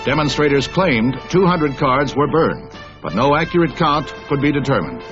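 Over clearly audible background music and dull, lo-fi vintage film audio, a man narrates a 1960s newsreel in a sing-song, brisk announcer's manner. He sounds slightly high for a man and slips wry puns into his narration.

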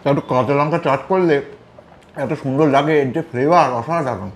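A man's voice: fairly high pitch, fairly quick, slight background noise. A man hosting an eating show, talking with his mouth full between bites, savoring the food in casual commentary. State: chewing.

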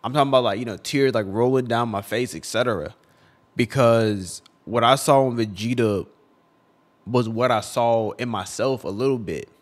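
A young man on the edge of tears talks in a mid-pitched, ordinary voice, stumbling over and repeating his words. His speech is casual and full of slang, heartfelt and broken up. He records himself at home in his room. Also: moderate pace. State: close to tears. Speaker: video creator. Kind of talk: emotional tribute vlog. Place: his own room, among collectibles.

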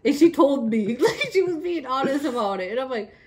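A young woman co-hosting a casual chat podcast, blunt and quick to laugh, with lots of "like" fillers. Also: sits high, lively intonation. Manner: blunt, laughs often, says "like" a lot. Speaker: podcast co-host.

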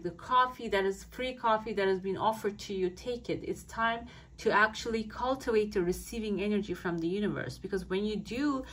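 A woman with a medium-pitched voice speaks as an online fortune teller. She addresses her viewers directly as she gives a reading. Her phrasing is searching, as if interpreting what she sees. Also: a little hiss or hum. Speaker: fortune teller, channel host. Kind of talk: fortune-telling coffee cup reading to viewers.

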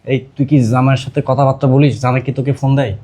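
Performer as placating middle-aged husband, mild, fast. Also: medium pitch, little pitch movement, darkish tone, close to an everyday voice.

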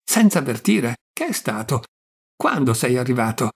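A man's voice: medium pitch, big pitch swings, moderate pace, creaky, husky, exaggerated voice. Man reading as a fussing old aunt. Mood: flustered. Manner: fretful, fussing, tender. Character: flustered kindly old aunt, woman.

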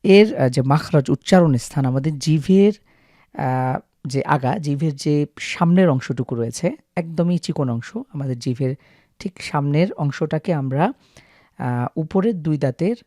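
A man teaches Arabic letter pronunciation in a calm, step-by-step way, stopping to draw out each sample sound. His voice sits a little high. It is recorded close and dry, with no room echo. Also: measured pace. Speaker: Quran recitation teacher.

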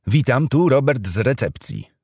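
A man's voice: mid-range voice, big pitch swings, normal speed, darkish tone, breathy edge, no echo, studio quality, voice pushed up. A man voicing a polite, formal male hotel receptionist speaking over an intercom, in an audiobook.

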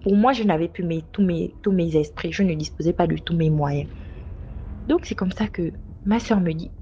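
A young woman casually tells a personal night-out story, lively and animating the voices she quotes with big pitch jumps. She speaks at a moderate pace, and the lo-fi recording is slightly dull with a little hiss or hum.

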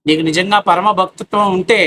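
A man delivering an angry, abusive political rant, taunting his target with rapid rhetorical questions. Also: sits high, fairly even intonation, fairly bright tone, slight background noise. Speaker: political commentator.

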